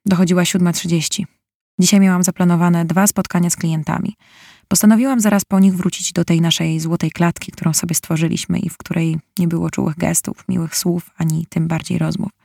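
A woman's voice: on the low side, little pitch movement, a little fast, gravelly, mellow, no echo, clean studio sound. A young woman narrating a novel in the first person, in an emotional, bitter way. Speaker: audiobook narrator.

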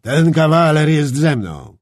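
A man reading an audiobook, voicing a stern old male standard-bearer who talks gruffly and curtly. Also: a little high, sing-song, slow, no room sound, clean studio sound.

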